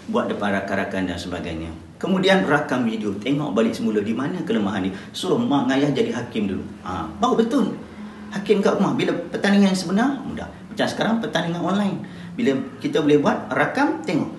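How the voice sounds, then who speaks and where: Animated Malaysian male teacher, roomy distant sound. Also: medium pitch. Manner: animated, demonstrates speech intonation. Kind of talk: spoken tips lesson to pupils. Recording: roomy, distant mic, faint ambient noise.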